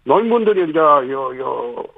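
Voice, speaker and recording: A man, a city government official, answering radio interview questions and explaining policy point by point with pauses. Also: a little high, expressive, vocal fry, dry recording. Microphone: phone. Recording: tinny phone line.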